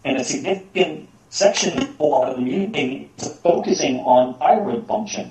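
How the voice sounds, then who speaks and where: A man's voice: mid-range voice, warm tone, dull audio. A man talking in a blunt, plain-spoken way over a remote call connection that is breaking up. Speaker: podcast regular answering listener questions. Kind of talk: casual podcast chat. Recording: distant echoey call line with faint noise.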